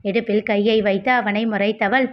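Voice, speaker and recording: A woman narrating a family story aloud, switching into lively voices for the characters. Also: medium pitch, normal speed. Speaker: audiobook narrator. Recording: dull lo-fi recording.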